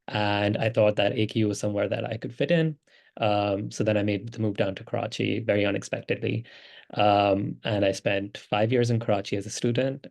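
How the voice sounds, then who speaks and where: Low gravelly young man, flat delivery. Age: 20s. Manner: unhurried, many "um" pauses. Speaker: guest, newly matched doctor. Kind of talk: casual conversational answers.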